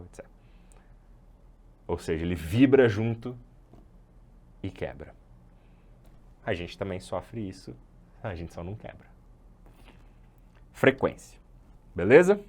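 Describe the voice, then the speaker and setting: A man's voice: fairly low pitch, animated, moderate pace, pauses often, a little mellow. A man with a Brazilian Portuguese accent giving an online sound design lecture, chatty and explanatory, often correcting himself mid-sentence.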